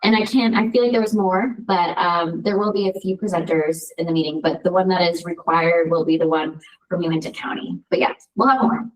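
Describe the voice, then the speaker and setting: A woman's voice: fairly low pitch, steady tone, fairly quick. Woman leading a meeting, distant echoey sound. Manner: organized, running the agenda. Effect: distant, echoey room sound. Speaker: meeting facilitator. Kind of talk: video call meeting. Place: meeting room with a TV speaker. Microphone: room mic far from the speaker. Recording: distant echoey room pickup.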